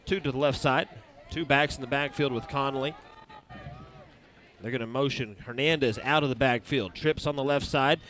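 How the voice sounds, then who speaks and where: A man handles play-by-play for a high school football game outdoors, calling every snap at a quick clip and weaving in sponsor messages. His tone comes across fairly bright.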